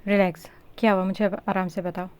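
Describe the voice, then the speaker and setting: A woman's voice: mid-range voice, flat delivery, a little fast, clear, resonant tone, close to an everyday voice. Woman voicing a stern, protective young husband. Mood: tender.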